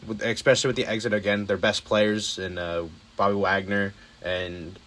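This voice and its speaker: A man's voice: on the low side, little pitch movement, normal speed, a bit bright. A man co-hosting a casual sports podcast, blunt in his opinions.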